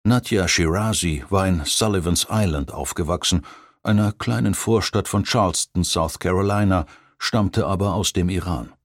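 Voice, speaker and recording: A man narrating a thriller audiobook in a measured, even storytelling voice. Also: low voice, dry recording, clean studio sound. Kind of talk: scripted narration.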